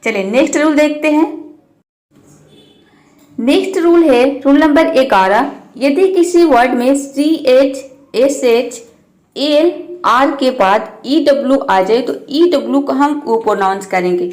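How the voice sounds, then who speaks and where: A woman teaching English pronunciation in Hindi, spelling out letters and repeating each example word slowly and patiently. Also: high-pitched, a little mellow. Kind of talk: Hindi-language pronunciation lesson.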